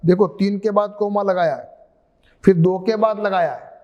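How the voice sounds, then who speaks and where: A man's voice: sits high, normal speed, darkish tone, lo-fi sound. A man teaching a maths lesson, explaining step by step and putting questions to his students.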